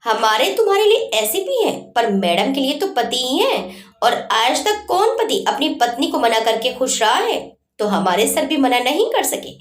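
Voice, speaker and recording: A woman's voice: sits high, very animated, moderate pace. A woman voicing a loyal male constable who speaks deferentially and chattily. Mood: chatty. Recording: roomy echo.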